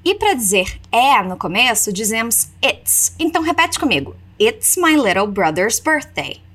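A woman teaches English in a lively, highly animated voice that sits somewhat high. She slows down to model each phrase for repetition, then explains it in Portuguese. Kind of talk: language lesson with repeat-after-me drills.

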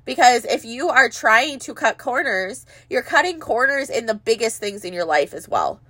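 A woman's voice: on the high side, expressive, moderate pace, sharp tone, husky, dry recording. A woman talking to her followers in a candid, self-reflective monologue, rambling at times with fillers. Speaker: motivational vlogger. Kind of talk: casual heartfelt monologue.

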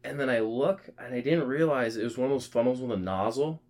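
A young podcast co-host tells a rowdy party story in casual chat, profane and rambling, leaning on "like" and "man." His mid-range voice is brisk and darkish.

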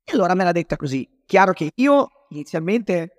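A young man from Naples, an interview guest, telling a personal story in a rapid, animated way, often correcting himself. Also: high voice, no echo, studio quality. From Naples, Italy.

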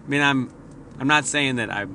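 With a mid-range, gravelly and bright voice delivered forcefully at a moderate pace, a married father hosts his solo podcast. His talk is casual, profane, meandering and self-deprecating, with slight background noise.

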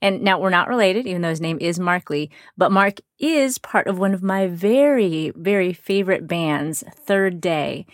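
Lower-pitched woman hosting a casual podcast. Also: moderate pace, hardly any pauses, dry recording, clean studio sound. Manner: effusive, informal, self-deprecating joking. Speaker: podcast host. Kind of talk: upbeat conversational podcast introduction and interview.

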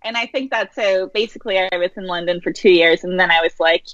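A Norwegian woman in her thirties appears as an interview guest on a video call, talking casually and laughing often in a relaxed, chatty way. Her fairly low voice is fast. The call audio is dry, dull, and lo-fi, with no echo.

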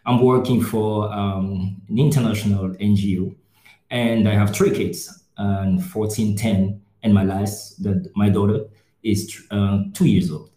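A man from Cameroon, a podcast guest, speaking casually and hesitantly with many pauses and fillers. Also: on the low side, steady tone, mellow, reverberant. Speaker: podcast guest, group founder. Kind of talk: casual discussion.

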